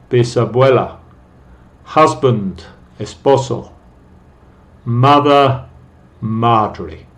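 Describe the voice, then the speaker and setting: A man teaching English vocabulary to Spanish speakers, saying each English word slowly and then giving its Spanish meaning. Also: mid-range voice.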